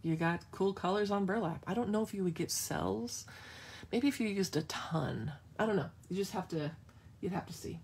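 A woman's voice: mid-range voice, normal speed, creaky, darkish tone, breathy edge. A woman hosting a live craft demonstration, chatting casually and playfully as she answers viewers' questions. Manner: chatty and playful, thinks aloud with restarts.

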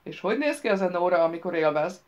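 A woman voicing rowdy drunken teenage boys in an audiobook, loud and mocking. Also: lowish voice, expressive, lo-fi sound, lightly acted. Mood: jeering.

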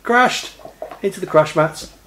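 A man's voice: high-pitched, lively intonation, unhurried, a bit bright, slight background noise. A man at home, chatting playfully to his dog in sing-song baby talk and laughing a lot. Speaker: dog owner. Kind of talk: playful home video with pet. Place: indoors at home. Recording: echoey room.

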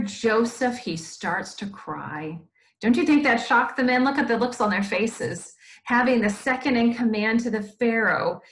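With a medium-pitched voice, a woman teaching Sunday school animatedly tells children a Bible story and asks them questions along the way.

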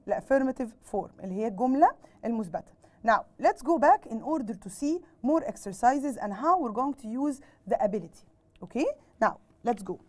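A woman's voice: on the high side, a little mellow. A woman with an Egyptian Arabic accent teaching an English grammar lesson, switching between Arabic and English, asking questions and answering them herself. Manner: slows down and spells out English words one at a time. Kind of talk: televised classroom lesson.

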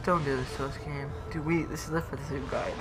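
A woman's voice: low voice, steady tone, a little fast, music in the background. A woman chatting while gaming, with exasperated, teasing outbursts at a teammate. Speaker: gamer. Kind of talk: casual gaming chat. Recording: loud crowd noise behind.

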